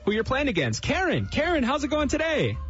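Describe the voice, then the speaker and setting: Male radio contest host, high-pitched and swooping, chatty game-show energy over a music bed. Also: wildly swooping pitch, a little fast, fairly bright tone. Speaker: radio host running a phone-in prize contest. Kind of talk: upbeat radio contest hosting. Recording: dull radio broadcast, music behind.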